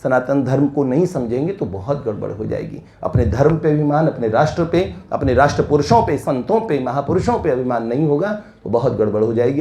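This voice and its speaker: A man's voice: mid-range voice, mellow. A man preaching a devotional sermon, telling a story earnestly and exhorting his listeners. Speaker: satsang preacher. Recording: echoey room.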